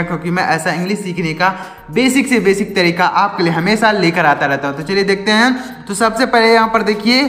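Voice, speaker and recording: A man's voice: high-pitched, fairly bright tone. A man teaching English vocabulary who spells each word letter by letter, then asks and answers his own questions. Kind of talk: spoken English vocabulary lesson. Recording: echoey room with long reverb.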